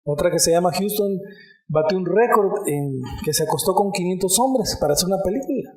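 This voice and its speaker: Guy pastor preaching, pretty high voice, lots of amens, echoey church room. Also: lively intonation, a little fast. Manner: preaching with frequent "amén" and direct address to the congregation. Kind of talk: sermon.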